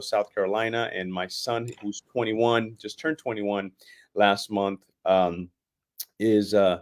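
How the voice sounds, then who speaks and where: A man in his forties from Puerto Rico, a pastor, introducing himself in a halting way with many fillers and restarts. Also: on the low side, a little mellow. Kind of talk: casual guest introduction.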